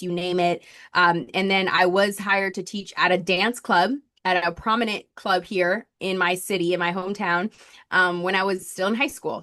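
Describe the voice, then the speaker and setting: Here a marketing strategist from Colombia, a woman in her thirties, shares her story as a podcast guest. Her voice is fairly low and a bit bright, and she chatters without stopping, using lots of fillers and "like."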